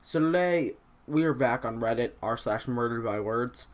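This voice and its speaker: A man's voice: medium pitch, normal speed. A young man hosting a casual video, reading posts aloud and commenting in a self-deprecating way, stumbling and slurring because his mouth is numb from the dentist. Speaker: host of a Reddit reading video.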